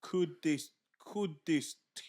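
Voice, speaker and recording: A man's voice: on the high side, slow, darkish tone. A man, co-hosting a casual chat with a playful, teasing manner. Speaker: podcast co-host.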